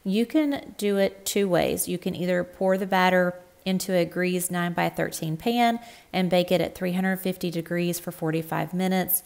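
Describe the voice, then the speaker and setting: A woman talks through a recipe in a voice sitting a little low. She gives friendly, step-by-step directions, like a home cook narrating her own kitchen video. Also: gravelly, a little mellow. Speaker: cooking channel host. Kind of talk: cook-along voice-over narration.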